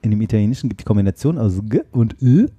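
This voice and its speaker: Man, podcast host, playful, quizzing, dark tone, dry sound. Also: fairly low pitch, expressive, racing, breathy edge, dry recording. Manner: playful, reads out words and quizzes others. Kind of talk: casual chat.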